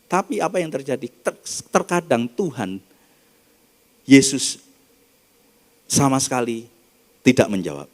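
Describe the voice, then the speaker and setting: A man with an Indonesian accent preaching a sermon in church, acting out the people in the story with sudden loud and soft turns. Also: sing-song, measured pace, pauses often. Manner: dramatic, acts out quoted voices with big swings in pitch and loudness. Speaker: pastor.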